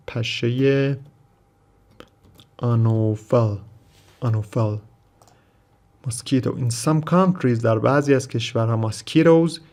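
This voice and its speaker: A man with a gravelly, creaky voice at an ordinary middle pitch gives an English vocabulary lesson. His first language is Persian. He reads English phrases slowly and carefully, then explains them at length. Keyboard clicks can be heard behind him. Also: darkish tone. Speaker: English teacher.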